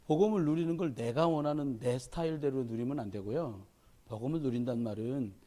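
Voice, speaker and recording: A man preaching a sermon as a pastor, folksy and humorous, acting out the voices of people he quotes. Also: medium pitch. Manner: animated storyteller who acts out quoted voices.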